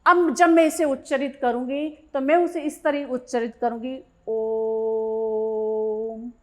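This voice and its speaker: A woman's voice: sits high, normal speed, darkish tone. A woman teaching a Hindi grammar lesson for exam preparation, reading out each question and explaining the answer step by step.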